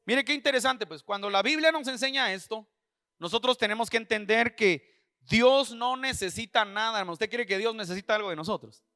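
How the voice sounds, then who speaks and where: A man's voice: high-pitched, brisk, sharp tone, no echo, clean studio sound. A man preaching a sermon at a church service, with impassioned, repetitive phrasing and direct appeals to the listener.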